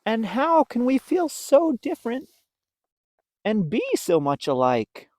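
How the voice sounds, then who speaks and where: Storybook creature: narrator doing a small young bird, high-pitched and squawky, swooping excitably. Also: takes it slowly, no echo, clean studio sound. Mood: wondering. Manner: squawky exclamations, high and loud. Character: small excitable young baby birds, wide-eyed. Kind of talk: children's storybook read-aloud.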